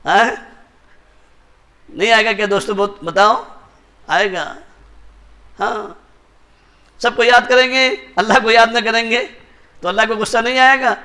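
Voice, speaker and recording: A man's voice: high-pitched, pauses often, pushed and bright. A man with an Indian Urdu accent giving a sermon, as a mufti preacher who keeps asking rhetorical questions and tagging lines with short checks to his listeners. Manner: rhetorical questions, repeated tag questions.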